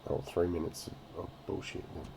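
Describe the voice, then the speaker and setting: Low gravelly man, blunt commentary. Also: little pitch movement, fairly quick, very noisy. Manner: blunt and profane, indignant. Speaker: video reaction host. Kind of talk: casual commentary over police footage.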